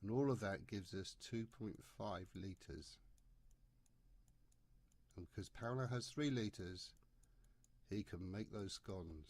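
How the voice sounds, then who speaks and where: A man's voice: lowish voice, slow pace, pauses often, darkish tone. A man talking through a maths exam paper step by step, chatty and jokey. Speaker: maths tutor. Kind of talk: exam paper walkthrough lesson.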